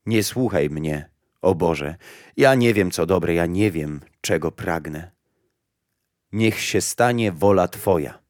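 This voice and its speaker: A man's voice: sits low, slow, darkish tone, no echo, studio quality. A man voicing a grieving mother in a storybook, pleading in a raised, urgent voice. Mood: broken, praying.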